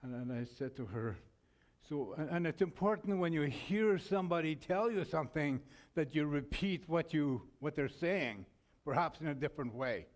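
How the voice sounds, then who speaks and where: A man's voice: a little high, expressive, normal speed. A man co-hosting a forum, giving closing remarks with a rambling, storytelling manner full of restarts. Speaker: forum co-host.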